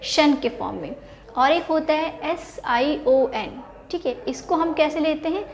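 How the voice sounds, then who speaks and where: A woman's voice: high voice, animated, measured pace. A woman teaching an English spelling and pronunciation lesson. She mixes English words into her Hindi, asks questions and then answers them herself, step by step.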